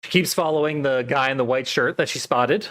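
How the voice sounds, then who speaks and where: A man's voice: mid-range voice, fairly quick, fairly bright tone. A man co-hosting a casual film podcast, recapping plot steadily and adding dry, wry remarks. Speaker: podcast co-host.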